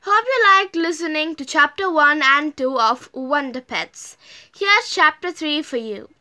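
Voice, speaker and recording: A woman reading a children's story aloud in an animated, sing-song manner. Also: high-pitched, unhurried.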